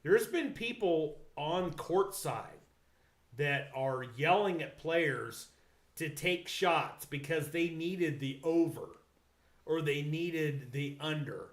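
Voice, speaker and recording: A man's voice: fairly high pitch, takes it slowly. A man co-hosting a casual sports talk show, rambling, swearing and laughing often. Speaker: podcast co-host. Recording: echoey room.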